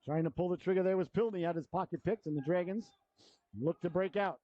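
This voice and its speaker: A middle-aged man calling live hockey play-by-play as an announcer, folksy and excitable, with colourful slang. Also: sits high, fast talker, dry recording, muffled recording.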